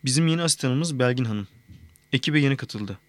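A smug, showy male psychologist who talks with easy confidence and a playful edge, as a man reads him in an audiobook. The voice sits at an ordinary pitch. It is recorded dry and close, with no room sound. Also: a little fast, no echo, close to an everyday voice. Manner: self-assured, playful. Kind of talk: audiobook character reading.

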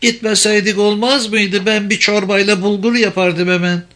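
A man's voice: expressive, normal speed, bright, forceful tone. A man voicing a frail, tearful old village mother with a trembling voice in a storybook reading. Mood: flustered. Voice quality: trembling, high voice.

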